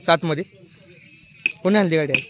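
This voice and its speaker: A man working as a field reporter, firing off brisk, repetitive questions at a bullock cart race and echoing back the answers. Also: fairly high pitch, very noisy. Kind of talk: quick roadside interviews.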